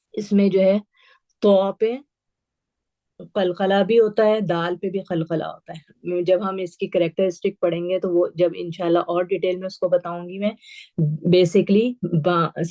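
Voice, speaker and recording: Woman tajweed teacher, patient and clear, repeats sounds slowly for her class. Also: mid-range voice, mellow. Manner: mixes English words into Urdu. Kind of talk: online class instruction.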